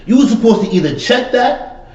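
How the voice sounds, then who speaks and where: A man's voice: very high-pitched, animated, brisk, darkish tone. A man co-hosting a casual podcast, blunt and opinionated, often laughing. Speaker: podcast co-host. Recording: echoey room, dull lo-fi sound.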